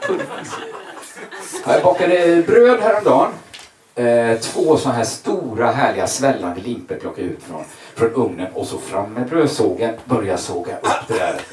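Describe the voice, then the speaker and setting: A man's voice: medium pitch, expressive. A man doing a stand-up routine, ranting with exaggerated indignation. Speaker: stand-up comedian. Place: bar stage. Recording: echoey, distant live recording with loud noise.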